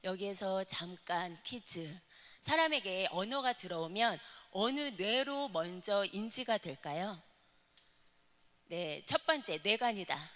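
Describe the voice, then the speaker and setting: A woman's voice: mid-range voice, animated, slow pace, a bit bright. A woman deacon giving an explanatory talk to a church audience, asking them questions as she goes. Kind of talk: lecture to a congregation. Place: church worship hall. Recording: long hall reverb.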